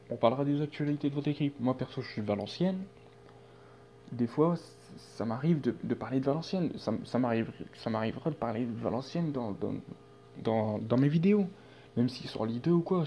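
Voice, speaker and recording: A man's voice: medium pitch, dark tone. A man running a football vlog, talking in a casual, rambling way with many restarts and fillers. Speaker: football channel vlogger. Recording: dull lo-fi sound with faint hum.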